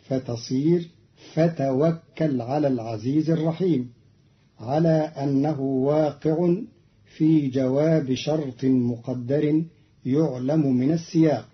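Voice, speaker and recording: A man from Egypt speaks slowly and deliberately, explaining Quranic reading variants and chanting short verse quotes. His voice sits a little high for a man. The sound is dull and muffled, like an old radio broadcast. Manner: measured and deliberate, slowing and chanting when quoting verses.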